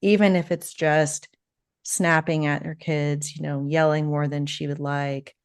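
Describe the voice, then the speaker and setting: A woman's voice: low-pitched, flat delivery, measured pace, clear, resonant tone, no room sound, clean studio sound. A woman podcast host asking earnest interview questions and restarting them as she goes.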